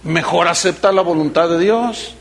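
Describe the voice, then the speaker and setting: A middle-aged pastor with a Mexican Spanish accent delivers a sermon in a high-pitched voice. He tells folksy stories, moving between teasing asides and earnest appeals. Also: normal speed.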